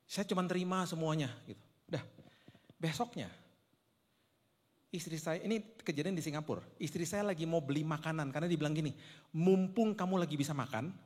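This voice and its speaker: A man's voice: on the high side, brisk, long pauses, a little mellow. A male pastor preaching a sermon, telling stories with humorous asides to the congregation. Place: church hall. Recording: long hall reverb.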